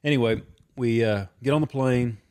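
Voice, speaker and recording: A young man co-hosting a casual chat, telling a story in a steady, drawn-out way. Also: mid-range voice.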